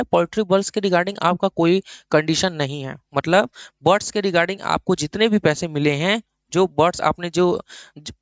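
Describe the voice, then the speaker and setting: A man's voice: fairly high pitch, no room sound, lo-fi sound. A male accounting teacher with an Indian accent, lecturing and answering his own questions while mixing English terms into Hindi. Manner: explains by asking himself questions and answering. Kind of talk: classroom lecture.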